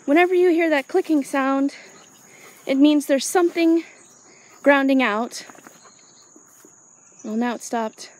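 Outdoors on her small farm, a woman vlogs unscripted, casually narrating her chores and thinking aloud. Her high-pitched voice is a little mellow and measured, with long pauses, while insects and animals can be heard around her.

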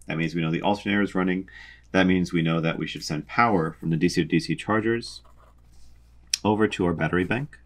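A young man calmly explains a boat's electrical wiring while drawing a diagram, methodical, with frequent ums. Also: low-pitched, quick pace. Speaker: sailing vlogger explaining a boat electrical system.

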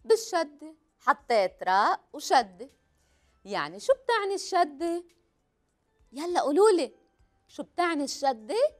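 A woman teacher with a Levantine Arabic accent, speaking in a fairly high voice that rises and falls a lot. She draws her words out at a slow, patient pace and keeps asking her young viewers questions. Faint music plays underneath. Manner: stretches words slowly, quizzes the viewers. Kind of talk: children's language lesson.

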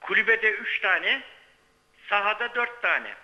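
A man with a high, lively voice calls in to a live show by phone as a sports writer, speaking at a measured pace. He argues insistently like a radio show caller, repeating his points for emphasis. The audio is muffled and band-limited, as on a live telephone line.

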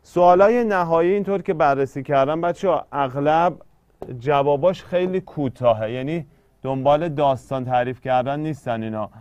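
A man's voice: fairly high pitch, darkish tone, clear, resonant tone, dry recording, highs cut off. A man teaching an exam-prep poetry lesson, explaining step by step and drawing out syllables when he scans verse.

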